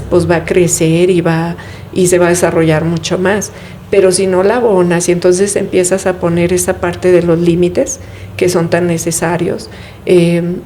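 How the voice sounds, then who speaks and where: A woman with a lowish, warm voice is a guest in a conversational interview about family therapy. She reflects on family dynamics and often poses rhetorical questions, over a little hiss or hum.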